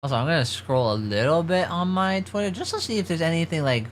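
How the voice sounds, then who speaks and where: A streamer chatting casually on a livestream in an animated, sweary manner. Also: medium pitch, fast, slight background noise. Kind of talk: casual livestream chat and gaming commentary.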